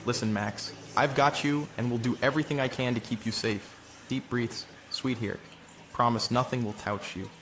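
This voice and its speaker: A woman voicing a protective veteran male police officer who speaks softly and reassuringly. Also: fairly even intonation, normal speed, background noise. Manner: soft, reassuring, low.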